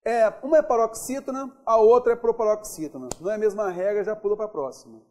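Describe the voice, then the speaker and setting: A man with a Brazilian accent teaching a grammar lesson. He stretches out example words slowly and keeps checking in with his students. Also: sits high, darkish tone. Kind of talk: classroom lesson on accent rules.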